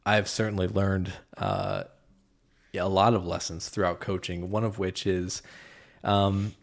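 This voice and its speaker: A man with a very low, gravelly voice talks earnestly in a relaxed podcast chat. He coaches basketball and keeps stopping to qualify and correct what he says. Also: a little slow. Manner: thoughtful, self-correcting, earnest. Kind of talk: casual podcast conversation.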